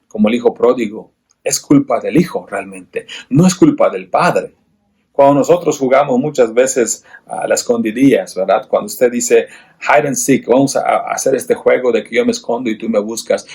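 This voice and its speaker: A man's voice: medium pitch, darkish tone, breathy edge. A man teaching a church Bible class, earnest and full of rhetorical questions to his listeners, often restarting and repeating words.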